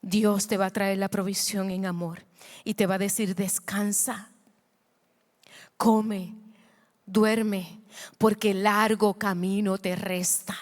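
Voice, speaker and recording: A woman pastor preaching a sermon with passion, moving between hushed and loud passages, moved by her own words and calling the congregation to repeat after her. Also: mid-range voice, little pitch movement, moderate pace, big-room sound.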